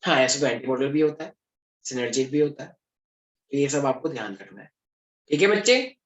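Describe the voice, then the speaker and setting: Young guy from delhi teaching, jokey and chatty, mid pitch, roomy echo. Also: lively intonation, fairly quick. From Delhi, India. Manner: joking, chatty, mixes English terms. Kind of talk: classroom lecture. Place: classroom. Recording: echoey classroom.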